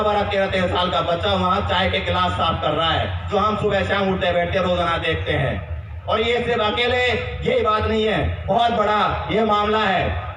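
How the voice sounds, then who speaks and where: A man's voice: high-pitched, a bit bright, reverberant, far from the mic, a little hiss or hum, low-quality recording. A man giving an impassioned public speech at a convention, firing rhetorical questions at the crowd.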